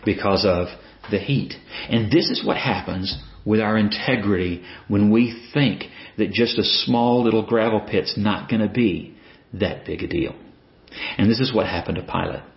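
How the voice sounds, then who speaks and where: A man's voice: medium pitch, gravelly. Lo-fi roomy preaching man. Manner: preaching with rhetorical questions and repetition. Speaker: pastor. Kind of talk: sermon. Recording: roomy, dull lo-fi sound.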